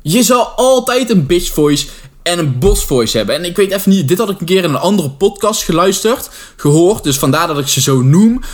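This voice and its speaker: A man's voice: sits high, lively intonation, moderate pace. A young man with a Dutch accent, hosting an unscripted solo podcast as an online personal trainer, talking casually with slang and English phrases mixed in.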